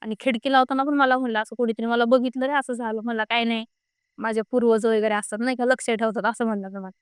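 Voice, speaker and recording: A woman's voice: fairly high pitch, fast talker, smooth, no room sound, clean studio sound. A young woman casually recounting her own frightening experience, retelling what everyone said in quoted bits. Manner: animated retelling with repeated quoted speech. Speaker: guest telling her own ghost experience. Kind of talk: casual spoken storytelling.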